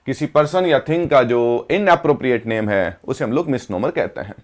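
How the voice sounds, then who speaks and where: A man teaching English vocabulary, explaining each word in Hindi with slowly read English definitions and asking the class to repeat. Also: medium pitch, animated.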